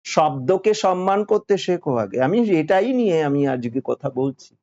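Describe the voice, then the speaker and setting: A man with a Bengali accent giving a devotional sermon, slow and insistent, repeating phrases and singing verses. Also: on the high side, lively intonation, darkish tone, lo-fi sound. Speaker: spiritual teacher.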